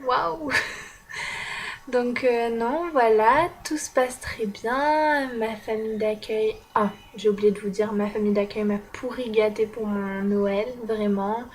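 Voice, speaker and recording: A woman's voice: a little high, takes it slowly. A teenage girl from France, chatting casually in a vlog recap as an exchange student, hesitant and full of filler sounds.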